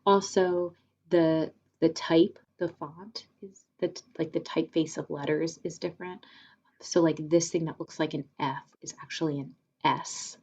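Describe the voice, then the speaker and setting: A woman's voice: deep voice, fairly even intonation, measured pace, darkish tone. A woman leading a theater company presentation, explaining spellings and reading sonnets aloud in a casual, filler-filled way. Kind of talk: informal lecture with readings of sonnets.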